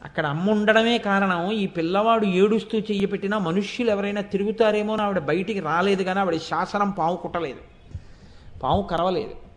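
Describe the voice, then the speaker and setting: A man giving an animated devotional storytelling discourse, asking the listeners rhetorical questions. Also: high-pitched, a little fast. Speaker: devotional speaker.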